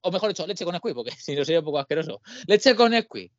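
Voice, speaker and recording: A man with a Spain Spanish accent tells stories in a casual podcast chat. His pitch swings widely as he acts out the people he quotes. The sound is dry and a little dull. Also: racing, dry recording. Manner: animated storyteller, acts out quoted dialogue. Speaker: podcast co-host. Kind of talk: casual chat, telling anecdotes.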